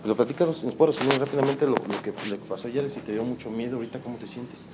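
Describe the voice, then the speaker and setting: Brisk reporter, loud noisy recording. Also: mid-range voice. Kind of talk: news interview questions.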